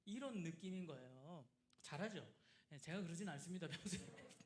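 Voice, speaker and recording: Man, pastor, sermon, high animated voice, acts out speakers, echoey sanctuary. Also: moderate pace. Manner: acts out quoted people in lively asides, asks the congregation questions. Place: church sanctuary. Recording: roomy church echo.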